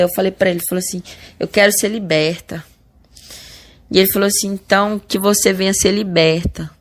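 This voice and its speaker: A woman's voice: medium pitch, fairly bright tone. A woman with a Brazilian accent giving an earnest spoken religious testimony, often restarting and repeating words. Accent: Brazilian Portuguese. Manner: earnest, addresses listeners as brothers. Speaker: church member giving testimony.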